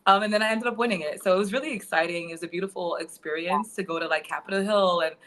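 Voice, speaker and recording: A woman in her thirties talks through her stories as an interview guest, her voice bright and forward. She talks loosely, filling her sentences with "um" and "you know.". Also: on the low side, quick pace. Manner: chatty, many fillers like um and you know. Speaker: guest financial educator. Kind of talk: casual interview storytelling.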